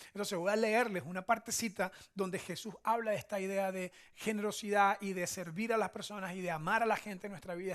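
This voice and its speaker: With a high, fairly bright voice, a male church preacher with a Venezuelan Spanish accent teaches through a conversational sermon. He frequently checks in with his audience using short tag questions.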